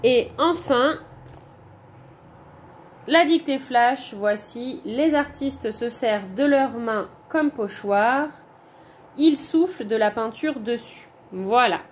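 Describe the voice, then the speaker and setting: French woman, primary teacher; slow, patient, explains step by step, high voice. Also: slight background noise. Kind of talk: recorded homework correction for pupils.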